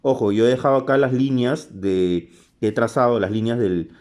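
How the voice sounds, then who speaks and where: A man teaching a drawing lesson while he sketches, chatty and relaxed, often checking in with "ok?" and correcting himself. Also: medium pitch, normal speed. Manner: chatty, frequent "¿ok?" and self-corrections.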